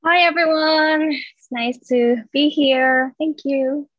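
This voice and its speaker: A woman's voice: high-pitched, fairly even intonation, takes it slowly, no room sound. A woman in her twenties, originally from Thailand, chatting as a podcast guest in an upbeat, talkative way. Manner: chatty and upbeat, laughs between stories. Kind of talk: casual interview chat. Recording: slightly dull dry sound.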